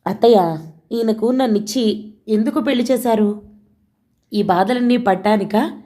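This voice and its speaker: An anxious young wife, fretful and accusing, as a woman reader voices her. She pleads and complains in a raised, higher voice with a mellow tone. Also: measured pace, close to an everyday voice. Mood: upset.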